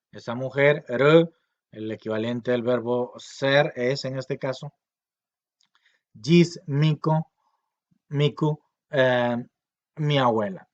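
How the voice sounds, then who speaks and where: In a recording with the highs cut off, a medium-pitched male language teacher patiently walks through a grammar lesson. He uses plenty of fillers and repeats the example words slowly.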